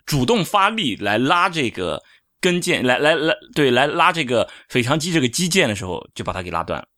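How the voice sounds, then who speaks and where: A man's voice: mid-range voice, big pitch swings, fairly quick, pushed and bright, dry recording, clean studio sound. A man in casual chat as co-host, plain-spoken and colloquial, reacting and rephrasing in everyday words. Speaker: co-host, layman asking questions.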